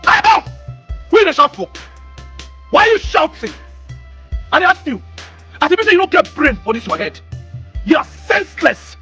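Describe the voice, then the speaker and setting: An actor with a Nigerian accent playing a hot-tempered, outspoken male employee who shouts insults and scolds his boss in pidgin. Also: extremely high pitch, full character voice.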